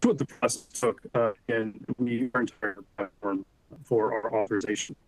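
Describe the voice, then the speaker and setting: A man speaking as a panel guest over a video call, his audio corrupted and cutting out, talking haltingly with many fillers and restarts. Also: lowish voice, fairly even intonation, breathy edge, dry recording, low-quality recording. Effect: corrupted audio that keeps cutting out.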